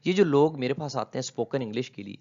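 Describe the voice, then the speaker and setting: A man's voice: mid-range voice, expressive, creaky, dark tone. A man teaching linguistics in a video lecture, mixing English terms into his explanations and posing questions he then answers. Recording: slightly dull lo-fi audio.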